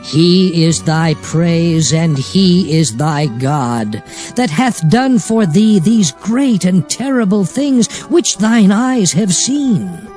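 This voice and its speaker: Solemn male prophet, high-pitched voice, mellow tone, declamatory scripture drama, measured exhortation. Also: expressive. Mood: earnest, exhorting. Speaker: scripture narrator. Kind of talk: dramatized Bible reading in archaic English. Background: music under the voice.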